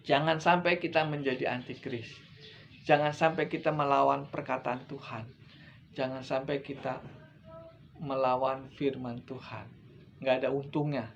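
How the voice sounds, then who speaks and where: Male preacher, gravelly voice, blunt and emphatic, faint background hiss. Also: fairly high pitch, fairly bright tone, muffled recording. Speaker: evangelist preacher. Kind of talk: sermon.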